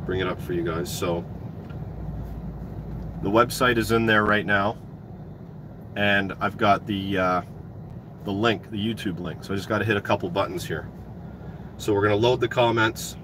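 A man's voice: lowish voice, normal speed, long pauses. A man in his thirties chatting casually to viewers on a livestream in a laid-back way, hosting a giveaway. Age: 30s. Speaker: trade YouTuber hosting a giveaway. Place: inside a parked work truck cab. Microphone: phone at arm's length. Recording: clear vehicle and outside noise.

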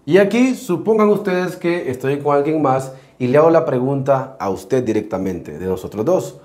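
A man teaching a basic English grammar lesson, slowly reading example sentences aloud and explaining each step. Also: mid-range voice, expressive, darkish tone, roomy sound.

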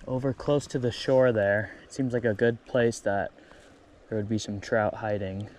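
A young man chatting casually to his camera outdoors by a river, relaxed and self-deprecating. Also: lowish voice, normal speed. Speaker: vlogger. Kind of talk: casual outdoor vlog narration. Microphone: action camera, handheld or chest-mounted.

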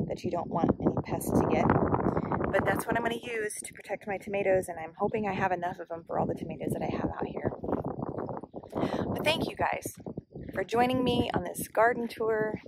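Brisk and medium-pitched with fairly even intonation, the host of a home gardening vlog chats casually and upbeatly to viewers during an evening tour of her backyard garden. She holds a camera or phone herself, and the outdoor audio includes background noise and faint ambient sound.

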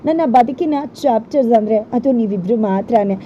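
A woman's voice: fairly high pitch, normal speed, mellow, a little hiss or hum, lightly acted. A woman voicing an earnest, heartfelt young woman speaking to the man she will marry, on a dull lo-fi recording.

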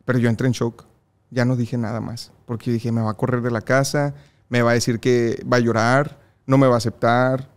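A young man with a Mexican accent, a podcast guest telling personal stories in a casual, lively way with frequent laughter. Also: mid-range voice, brisk, clean tone. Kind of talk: casual interview storytelling.

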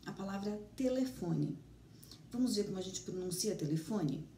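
A woman teacher with a Brazilian Portuguese accent giving a remote lesson to children, gentle and encouraging, speaking slowly and clearly. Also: mid-range voice, animated. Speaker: primary school teacher. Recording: roomy, distant mic with faint ambient noise.

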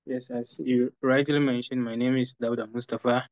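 A man based in Ghana speaks over a video call with a smooth, resonant voice and a flat delivery. The audio is dry and somewhat muffled. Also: medium pitch, normal speed, no room sound. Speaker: election candidate. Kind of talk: online meeting statement.

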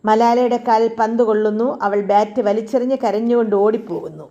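Mellow higher-voiced woman reading a script. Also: brisk, lo-fi sound. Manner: steady, even reading pace, announcing scene headings. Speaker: narrator reading a documentary script. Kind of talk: read-aloud script narration.

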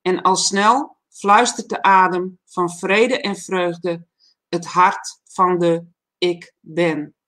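Her pitch fairly low, a woman hosting a livestream talk show reads reflective writing aloud in an unhurried, calm manner, and afterward chats casually.

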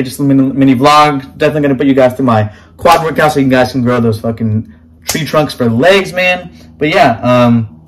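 A man's voice: medium pitch, a little hiss or hum. A man in his twenties chatting casually to camera as a fitness vlogger, laid-back and saying bro and man a lot. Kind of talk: casual vlog talk to camera. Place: home kitchen, indoors.

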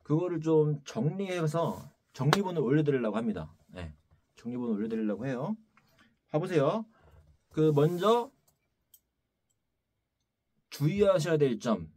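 A man teaching a Korean wind instrument in a practice room, repeating key words and breaking into loud demonstration shouts. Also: on the high side, husky, no echo. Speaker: taepyeongso teacher. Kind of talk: instructional video lesson.

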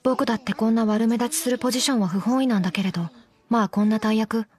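Commentary figure: actress doing a flat emotionless undead doll girl, high voice, dry teasing. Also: quick pace, close to an everyday voice. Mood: deadpan. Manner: teasing, dry deadpan jokes. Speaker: commentary co-host. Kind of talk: in-character anime commentary.

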